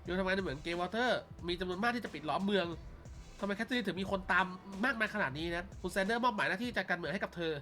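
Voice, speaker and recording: Chatty male game streamer from Thailand, high and bright, casual commentary with lots of polite filler. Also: animated, rapid-fire, soft background music. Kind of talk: casual gameplay commentary and story reading.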